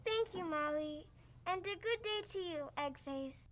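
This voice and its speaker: A young actress in a school radio play voicing a sardonic doctor who trades dry insults with the husband. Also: female voice, extremely high pitch, animated, a little slow, fairly bright tone, a little hiss or hum, heavily acted. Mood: mocking. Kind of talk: old-time radio comedy acting.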